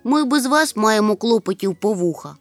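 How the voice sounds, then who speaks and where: A woman voicing a quick-tempered young male troll who speaks in sharp, blunt exclamations. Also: medium pitch, lively intonation, no echo, faint music behind, lightly acted.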